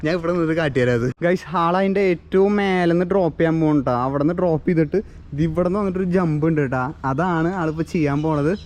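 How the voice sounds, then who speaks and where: A man with a Kerala accent chatting excitedly as a vlogger, mixing English slang into his Malayalam. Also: a little high, racing. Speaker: vlogger, host. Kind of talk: excited casual outdoor vlog chat. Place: outdoor skate park.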